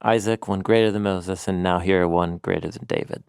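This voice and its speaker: Male co-host, lowish voice, eager teacher explaining scripture, dry close recording. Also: normal speed, gravelly, smooth, no room sound. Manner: animated explainer, quotes scripture in storytelling voice. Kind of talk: conversational teaching.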